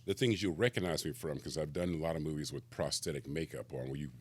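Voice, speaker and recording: A man talking casually as a podcast guest, relaxed as he tells stories about his career. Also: a bass voice, fast, noisy background. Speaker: guest actor. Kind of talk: casual interview chat. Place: podcast studio.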